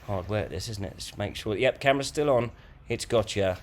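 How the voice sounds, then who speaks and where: A man's voice: fairly low pitch, a little fast. Jokey man narrating a vlog. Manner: jokey, teasing, lively narration. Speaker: co-host, husband. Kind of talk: playful vlog voice-over.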